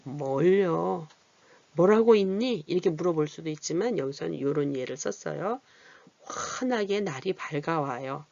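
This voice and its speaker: Gravelly, patient literacy teacher. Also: medium pitch, dry recording, lo-fi sound. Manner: patient, asks rhetorical questions, reads example words slowly. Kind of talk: Korean vowel lesson.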